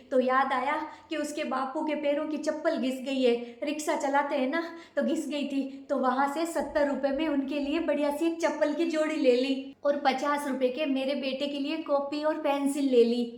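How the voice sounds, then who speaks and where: A woman doing a poor, gentle housemaid who speaks with quiet deference. Her voice sits fairly high for a woman, and it rings around a bare room with a noticeable echo. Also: fairly even intonation, normal speed, few pauses, lightly acted. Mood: grateful. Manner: deferential, addresses employer politely. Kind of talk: home-made short drama acting. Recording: echoey room.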